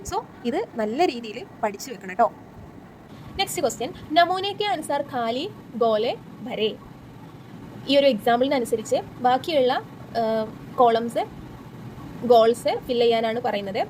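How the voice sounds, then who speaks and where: A woman's voice: a little high, a little mellow, slight background noise, poor audio. A young woman teacher with a Malayali accent, explaining exam questions step by step and answering her own questions. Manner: reads the textbook text slowly and deliberately. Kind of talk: exam-prep lesson.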